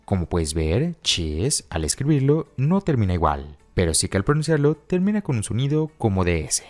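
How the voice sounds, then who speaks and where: A man explaining pronunciation rules as a teacher in patient, step-by-step scripted narration, slowing down to model example phrases. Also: mid-range voice, big pitch swings, a little mellow, soft background music. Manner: models English phrases slowly. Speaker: English teacher.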